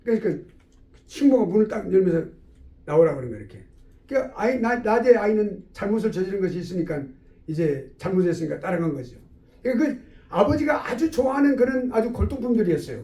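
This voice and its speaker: A man lecturing quickly in a fairly high, gravelly voice, telling an animated story. It sounds like an echoey room, with the mic some way off. His tone sits on the dark, mellow side. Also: distant mic. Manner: animated, with acted-out dialogue. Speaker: theology professor.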